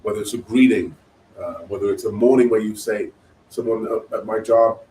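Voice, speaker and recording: A man's voice: lowish voice, steady tone, brisk, warm tone. A man as a guest speaker on a spiritual talk show, telling stories in an earnest way and repeating phrases as he goes. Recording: roomy, distant mic, faint noise.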